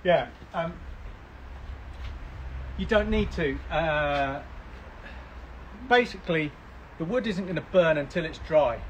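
Brief: cheerful, higher-voiced man hosting a live barbecue cook outdoors, noisy background with traffic. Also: animated, slow, long pauses, muffled recording. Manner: chatty, talks while eating, laughs often. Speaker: cooking demonstrator. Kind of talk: live outdoor cooking demo.

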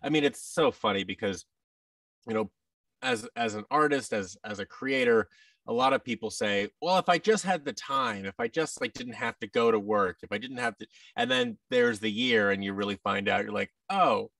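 Gravelly and lowish but a bit bright, this American man's voice swings widely in pitch at normal speed. In his thirties, he's a voice actor and audio drama producer chatting as a wry, self-deprecating interview guest on a video call. A boom-arm mic with headset in a large indoor studio records him from a distance, with no room sound.

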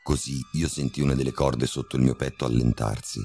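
A man with an extremely deep, gravelly voice reads a horror story in a measured, steady way. His tone is dark and mellow, with faint music behind him. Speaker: narrator. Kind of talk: scripted horror story narration.

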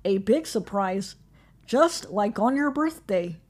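A woman voicing a cold, scheming scientist mother who answers her child in a hushed, evasive way. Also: mid-range voice, lively intonation, takes it slowly.

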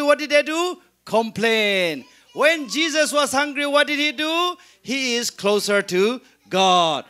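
A man's voice: very high voice, sharp tone. A man teaching an interactive Bible lesson, asking questions and answering them himself, then leading the class to repeat after him. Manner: leads call-and-response repetition. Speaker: Sunday school teacher.

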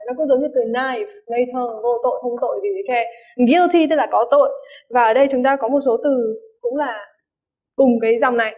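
A woman's voice: a little high, brisk. A woman English teacher explains vocabulary, giving many examples and often checking that her students follow. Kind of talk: vocabulary lesson. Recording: dull lo-fi recording.

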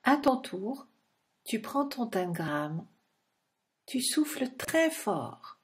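A woman's voice: on the high side, sing-song, extremely slow, a little hiss or hum. A woman narrating a children's storybook expressively and speaking directly to the young listener.

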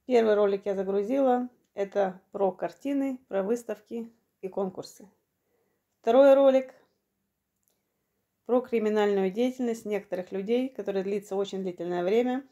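A woman around fifty from Ukraine, telling a long personal story in a vlog, unhurried and matter-of-fact, slightly short of breath. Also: medium pitch, mellow. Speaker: vlogger.

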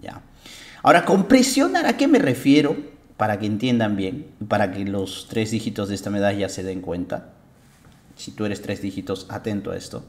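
A young man coaching players through a match replay. His talk is blunt, emphatic and salted with profanity. His pitch swings widely as he drives each point home. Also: sing-song, normal speed. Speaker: game coach and streamer. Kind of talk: casual game analysis commentary.

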